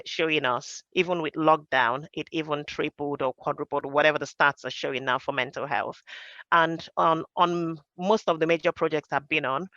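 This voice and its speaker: Speaking as a podcast panellist, a middle-aged Nigerian-accented woman who works on major projects shares personal, conversational thoughts in an emphatic, reflective manner. Her low-pitched voice carries a bright, forceful edge. The audio is close, dry, and slightly dull, with no echo.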